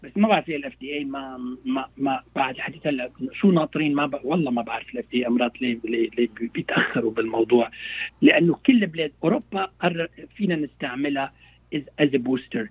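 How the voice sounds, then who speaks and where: A man with a Lebanese Arabic accent explaining as a doctor in a radio interview, halting and repeating words, dropping in English terms. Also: medium pitch, slightly rough, dry recording. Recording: thin phone-like radio line.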